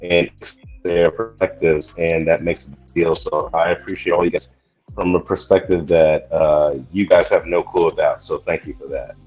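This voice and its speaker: Low-voiced easygoing male co-host. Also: fairly even intonation, normal speed, a little mellow, faint music behind, poor audio. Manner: easygoing, repeats words as he restarts. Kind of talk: casual live-stream chat.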